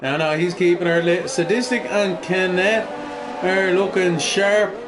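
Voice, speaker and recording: A man giving casual, chatty live motorsport commentary as a racing commentator, excitable and full of colloquial banter. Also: high-pitched, measured pace, music in the background.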